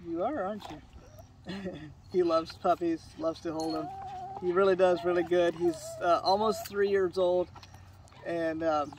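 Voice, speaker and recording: A hoarse man, a dog breeder, presenting puppies in a fond, rambling way with many fillers and restarts. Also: high voice, fairly even intonation, a little slow, recorded from a distance, a little hiss or hum. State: hoarse from sinus trouble. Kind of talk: casual on-camera puppy showcase.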